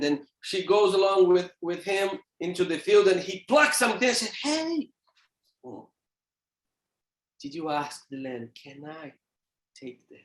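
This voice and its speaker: A man from Brazil with a Brazilian Portuguese accent, giving an animated, playful church lecture as a theologian. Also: high-pitched. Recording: echoey church hall.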